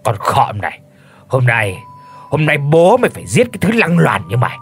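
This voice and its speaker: A man's voice: mid-range voice, very animated, normal speed, slight background noise, close to an everyday voice. A man voicing a drunk, violent middle-aged village husband who slurs and snarls his abuse in a horror story. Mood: murderous rage.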